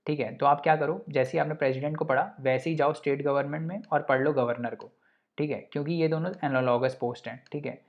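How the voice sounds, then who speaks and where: A young man teaching in a casual, conversational way, dropping English terms into his Hindi. His pitch stays level and steady with little rise or fall. He checks in with the listener after nearly every point. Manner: repeats "theek hai" to check in, mixes English terms into Hindi. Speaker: exam coaching presenter. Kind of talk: casual explanatory lesson.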